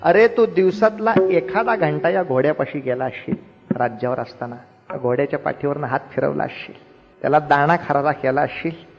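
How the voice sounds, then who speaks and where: A man voicing a remorseful younger brother, a warrior who speaks emotionally and pleads. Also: fairly high pitch. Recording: roomy hall, dull lo-fi, faint music.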